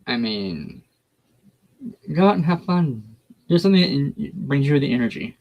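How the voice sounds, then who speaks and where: A man's voice: medium pitch, big pitch swings, normal speed, gravelly, highs cut off. A man giving a casual tarot reading, blunt, folksy and unfiltered. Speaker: tarot reader.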